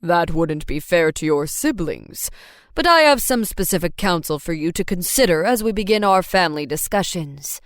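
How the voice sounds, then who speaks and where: A woman doing a gentle, fatherly king. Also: on the low side, animated, no echo, studio quality, pitched below the performer's own voice, natural voice. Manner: gentle, measured, fatherly counsel. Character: warm, steady adoptive father, a king. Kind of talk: audiobook character voice.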